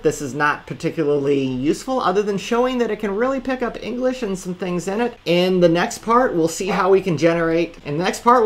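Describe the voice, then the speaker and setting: A man teaching a course, walking through code step by step in a screencast lecture with dry asides. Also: high-pitched. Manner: methodical step-by-step walkthrough. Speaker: course instructor.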